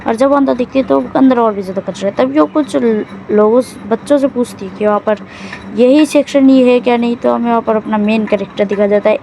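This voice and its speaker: A woman's voice: on the high side, fairly quick, creaky, dark tone, a little hiss or hum, low-quality recording. A woman casually recapping a drama's plot in a loose, rambling way, often correcting herself mid-sentence.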